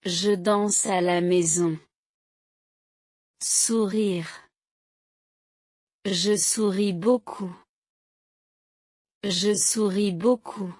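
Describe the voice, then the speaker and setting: A woman reads out vocabulary at a very slow, careful pace, giving each word and then repeating a short example sentence. Her voice is mid-pitched and recorded close and dry, with no room around it. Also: steady tone, darkish tone, no echo. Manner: clear, deliberate, evenly paced. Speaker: French teacher.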